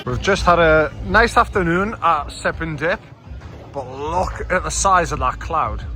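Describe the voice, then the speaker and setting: A young man with a Geordie accent, chatting excitedly through a casual travel vlog outdoors by the sea. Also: fairly high pitch, a little slow, faint music behind. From North East England. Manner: chatty, excitable, swears and laughs. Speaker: travel vlogger.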